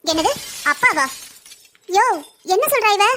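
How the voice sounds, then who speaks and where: Figure: brothel madam, cartoon voiced by a woman. Sex: female. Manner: bossy, mocking, blunt. Pitch: very high, dropped a little from the performer's own voice. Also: expressive, a little slow, sharp tone, full character voice. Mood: dismissive. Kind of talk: cartoon story voice acting.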